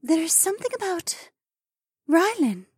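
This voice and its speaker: A man voicing a mystical oryx augur woman who speaks in a hushed, foreboding way, in an audiobook reading. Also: very high-pitched, very animated, unhurried, no room sound, clean studio sound, pitched above the performer's own voice, exaggerated voice. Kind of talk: audiobook character voice.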